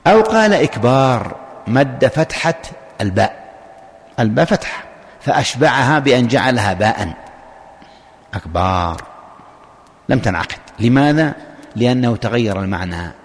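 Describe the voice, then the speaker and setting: A man of ordinary pitch teaches a religious class in an explanatory way. He repeats key points and poses questions he answers himself. His voice rings through a hall with a long reverb tail. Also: expressive, a little fast. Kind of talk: classroom lesson explaining a legal text.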